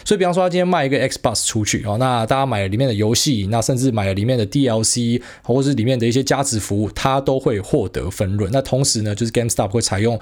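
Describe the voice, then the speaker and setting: Fast, slangy Taiwanese man. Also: medium pitch, a little mellow. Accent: Taiwanese Mandarin. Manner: fast, slangy and blunt, with frequent fillers and mild swearing. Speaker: podcast host. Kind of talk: casual solo market commentary.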